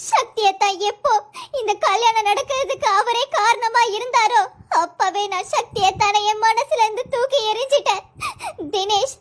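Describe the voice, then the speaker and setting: A very high, shrill young wife. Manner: scolding, then softening. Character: young wife, stubborn and sharp-tongued.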